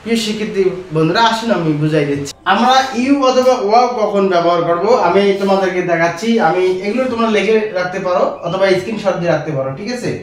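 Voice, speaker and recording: A man's voice: sits high, quick pace, a little hiss or hum. A man teaching an English grammar lesson to students, repeating points and checking in with "right?" again and again. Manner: repetitive, checks in with "right?" often. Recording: echoey room, mic far away.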